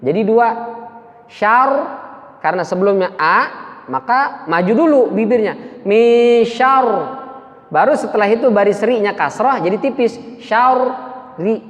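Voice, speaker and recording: A man teaching Quran recitation to a mosque congregation, explaining slowly and demonstrating the sounds himself. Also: high-pitched. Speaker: preacher. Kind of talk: tajwid lesson to a mosque congregation. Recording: dull sound with long hall reverb.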